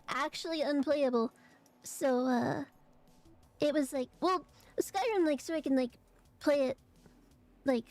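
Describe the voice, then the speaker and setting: A woman streamer chatting casually and haltingly, her voice phlegmy and rattly in the chest, congested from allergies. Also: high voice, a little mellow. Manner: halting, hesitant, trailing phrases. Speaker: vtuber streamer. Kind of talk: casual livestream chat.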